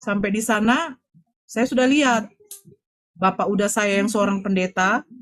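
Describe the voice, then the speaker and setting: A woman's voice: fairly even intonation, moderate pace. A woman from Indonesia telling a personal family story, acting out the other people's lines. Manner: acts out quoted voices, jumping higher for others' lines.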